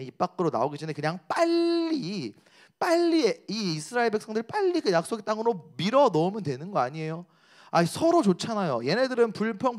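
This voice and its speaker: High-ish guy preaching at church, gets dramatic acting out complaints. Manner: dramatic, acts out quoted complaints. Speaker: youth pastor. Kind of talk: sermon. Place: church service.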